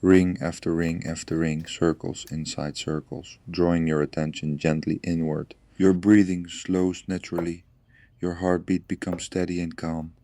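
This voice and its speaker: A man speaking softly and soothingly in a slow, gentle ASMR relaxation and storytelling style. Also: deep voice, little pitch movement. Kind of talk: soft-spoken ASMR guided relaxation and storytelling.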